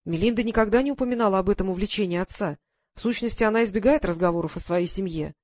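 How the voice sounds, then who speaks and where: A woman narrating an audiobook in an even, measured reading. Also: mid-range voice, no room sound, studio quality. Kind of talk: scripted narration.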